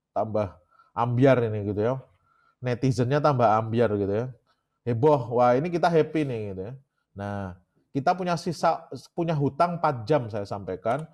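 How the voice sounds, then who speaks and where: A man with an Indonesian accent gives a relaxed, conversational lecture. He keeps turning to his listeners as he talks. His voice sits at an ordinary middle pitch. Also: moderate pace. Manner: chatty, keeps addressing the audience as "Bapak Sekalian". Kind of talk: casual lecture.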